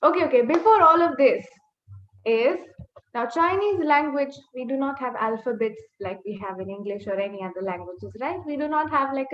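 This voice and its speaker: A woman teaching a beginners' online language class, explaining step by step and drawing out sample syllables to demonstrate. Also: fairly high pitch. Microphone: computer mic on a video call. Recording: dull, echoey webinar audio.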